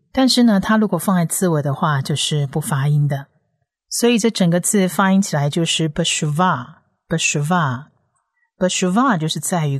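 A woman patiently explaining Hebrew letters, saying each sound slowly and repeating it. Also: lowish voice, no room sound, studio quality. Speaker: Hebrew teacher. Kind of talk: explaining letter by letter, slow repetitions.

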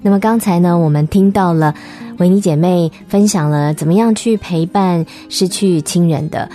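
Mellow woman radio host. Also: on the low side, moderate pace, soft background music. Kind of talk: radio interview hosting. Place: radio studio.

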